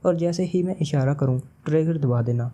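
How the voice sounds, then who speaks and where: A man's voice: fairly high pitch, mellow, natural voice. A man reading the part of a stern male secret agent who speaks in a cold, serious tone.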